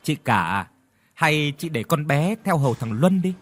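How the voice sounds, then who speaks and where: A man voicing a soft-spoken, scheming second wife of a rich household in an audio story. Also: fairly high pitch, sing-song, unhurried. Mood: sly.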